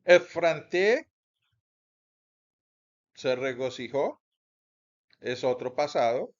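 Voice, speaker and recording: Male teacher, slow deliberate lecturing, dull lo-fi sound. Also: mid-range voice, lively intonation. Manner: slow, deliberate explaining with pauses and self-corrections. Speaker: Bible Greek teacher. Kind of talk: recorded class lecture. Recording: dull lo-fi recording.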